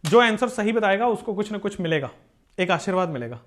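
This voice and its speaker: A man's voice: high-pitched, brisk. A man teaching chemistry in a live online class. He jokes with the students and calls them "beta". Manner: animated, joking, talks to students as "beta".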